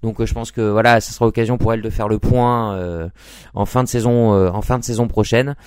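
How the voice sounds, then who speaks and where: A man's voice: on the low side, fairly even intonation, fairly quick, darkish tone, no echo, clean studio sound. A man hosting a casual sports podcast, chatty and joking, peppering his talk with fillers. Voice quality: smooth, lots of "hein" fillers. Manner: chatty, laughs easily, joking. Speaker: podcast host.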